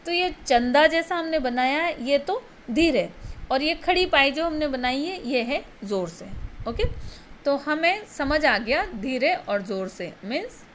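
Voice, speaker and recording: A woman's voice: high-pitched, expressive, a little slow, a little hiss or hum. A woman college lecturer with an Indian English accent explaining poetry to students, patient and explanatory, repeating key terms.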